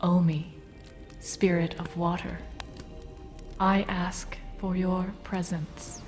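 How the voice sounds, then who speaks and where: A woman playing a serene, motherly Earth Mother goddess in a guided-meditation audio drama, with a warm, soothing, softly breathed voice. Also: fairly low pitch, level tone, slow pace. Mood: serene, solemn. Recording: music bed behind the voice.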